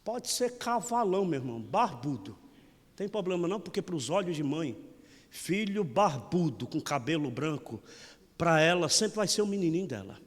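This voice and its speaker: A Brazilian man in his forties preaches a joking, folksy homily, teasing his listeners as he goes. His voice sits on the higher side for a man. Long church reverb trails each phrase. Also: sing-song, normal speed. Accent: Brazilian Portuguese. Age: 40s. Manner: folksy, teasing, keeps saying "meu irmão". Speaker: parish priest. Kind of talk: lively humorous homily.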